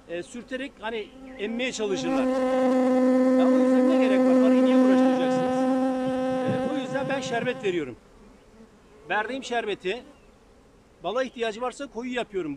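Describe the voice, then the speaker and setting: A man with a very high, light voice teaches beekeeping hands-on, thinking aloud as he works and addressing viewers like friends in a practical, casual how-to lesson. He's outdoors in an open field beside the hives, caught by a distant tripod camera, with faint buzzing and a little hiss or hum in the background.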